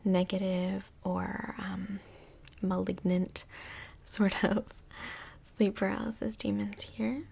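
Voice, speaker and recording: This woman, speaking at medium pitch in a full character voice, portrays a calm couples' counsellor in an ASMR role play. Her delivery is soft, breathy, and largely whispered, staying gentle, measured, and reassuring.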